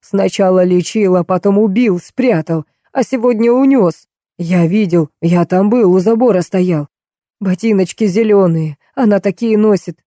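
Woman doing a crazed old guy in a wheelchair, yelling and repeating stuff, dark mellow voice. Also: mid-range voice, normal speed, no room sound, clean studio sound, close to an everyday voice. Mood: raving. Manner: shouting, accusing, repeating himself. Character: old man in a wheelchair, deranged and raging.

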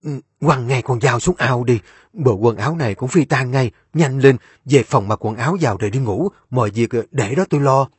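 A man's voice: mid-range voice, a little fast, breathy edge, no room sound. A man voicing a scheming young woman giving urgent instructions.

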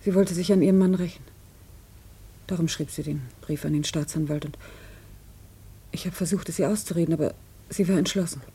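An actress playing a frightened woman witness in a 1950s radio drama, speaking in a breathy, faltering, near-whispered way. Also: on the low side, steady tone, fairly quick, long pauses, warm tone, slight background noise, natural voice. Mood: fearful, hesitant.

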